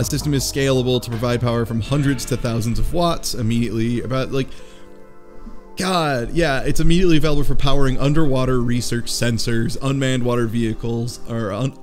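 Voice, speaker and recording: Over soft background music, a male podcast panelist with a mid-range voice talks a little fast. Chatting casually with a group, he rambles through an animated retelling of a story and performs the quotes himself.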